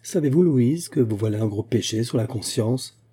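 A man's voice: medium pitch, expressive, normal speed, warm tone, breathy edge. A man reading aloud and voicing a cruel young woman at court who taunts her rival insistently. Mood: taunting.

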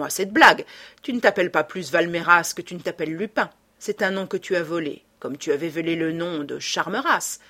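A woman voicing a stern English male detective, loud and scolding in a storybook reading. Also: on the low side.

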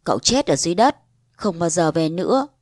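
A woman voicing a young widowed mother in a read-aloud story, brisk and chiding in tone. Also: on the low side, expressive, darkish tone, dry recording, clean studio sound. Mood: gentle. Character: young widowed mother, scolding yet tender.

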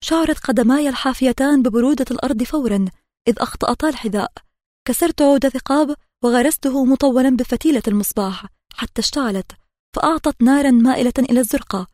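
A woman narrating an audiobook in a measured, steady reading voice. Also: high-pitched, no room sound, studio quality.

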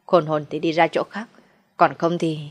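Brief: harsh old village matriarch, scolding and cold, low and forceful, voiced by a female narrator. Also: level tone, moderate pace. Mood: commanding. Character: cruel older village woman, scornful and bossy.

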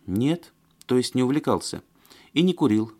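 Reading an audiobook, a man voices a fussy, flustered woman who chatters and grumbles in a plaintive, agitated manner. His mid-range voice is expressive and a little mellow, pitched above his own yet still natural, moving at normal speed.

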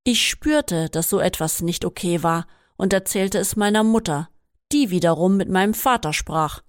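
A woman reading a first-person memoir aloud in a steady, measured way. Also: fairly low pitch, dry recording, studio quality. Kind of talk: scripted first-person narration.

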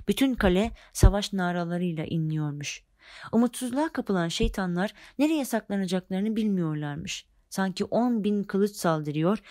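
A woman narrating a fairy tale as a storybook reading, expressive and lively with the characters. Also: lowish voice, dry recording, studio quality.

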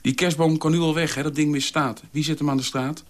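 A man's voice: steady tone, fairly quick, lightly acted. A man reading a radio story, voicing a dogmatic, quarrelsome male commune ideologue who scolds and lectures. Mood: ranting. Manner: shrill, scolding, hectoring.

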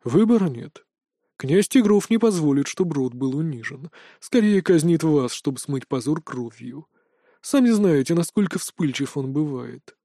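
A man voicing a cold, curt male handler who speaks in a dry, quietly threatening way over the phone, in an audiobook. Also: on the high side, animated, normal speed, no room sound.

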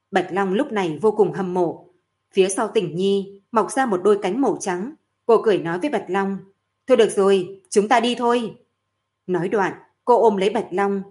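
A woman reads a fantasy novel aloud as an audiobook. Her delivery is steady and even, at an ordinary middle pitch for a woman. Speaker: narrator.

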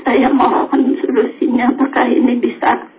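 A woman in her sixties calling in to a radio show, asking a question hesitantly with many pauses. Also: on the high side, level tone. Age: 60s. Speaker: caller. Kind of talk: phone-in question. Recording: tinny phone line.

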